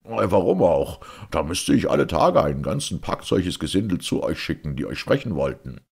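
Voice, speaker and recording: A man's voice: low voice, very animated, moderate pace, gravelly, darkish tone, breathy edge, exaggerated voice. A man voicing a fearful, servile police judge in a fairy-tale reading, making nervous excuses.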